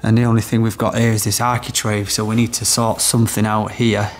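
Speaking a little fast in a level tone, a man with a voice on the low side demonstrates a product in a small room of a house. He's an electrician in his thirties, practically explaining the job step by step.

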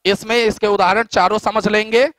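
A man's voice: sits high, level tone, normal speed, fairly bright tone, no echo. A man teaching a grammar lesson for exam students, asking questions and answering them himself. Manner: repeats points, asks and answers his own questions. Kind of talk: explanatory lecture.

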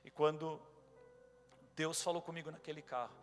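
A man's voice: on the high side, fairly even intonation, normal speed. A male pastor telling a personal story during a sermon, emotional and addressing the congregation directly. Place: church hall. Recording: long church hall reverb, faint music.

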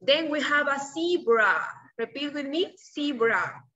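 A young woman, a native Spanish speaker, teaches small children in a slow, simple, encouraging way, as if talking to a toddler, having them repeat words. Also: high-pitched, animated, sharp tone, a little hiss or hum. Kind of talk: preschool vocabulary lesson for repeat-after-me practice. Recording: distant, slightly muffled video-call audio.

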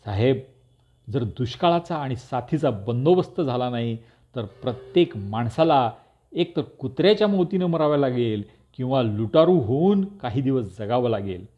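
A man voicing a defiant middle-aged village headman who speaks out loudly and forcefully, on a dull lo-fi recording. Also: medium pitch, expressive, moderate pace, lightly acted. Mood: stern. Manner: loud, forceful, indignant outbursts.

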